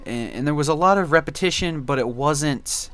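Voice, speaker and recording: A man's voice: a little high, moderate pace, a bit bright. A young man reminiscing casually in gameplay commentary, with a laid-back, rambling and nostalgic way of talking. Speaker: video game commentary host.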